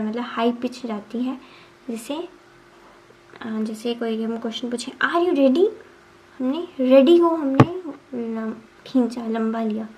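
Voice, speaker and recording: High-voiced woman teaching exam notes. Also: a little mellow, slight background noise, low-quality recording. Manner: explains point by point, asking and answering her own questions; mixes English terms into Hindi, often says 'ठीक है'. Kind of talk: exam revision lesson.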